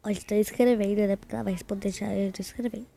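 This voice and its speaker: Rambling teenage girl vlogger, mellow tone. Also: medium pitch, fairly even intonation, gravelly, a little hiss or hum. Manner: rambling, talks fast by her own account. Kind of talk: casual chat, recounting a prank.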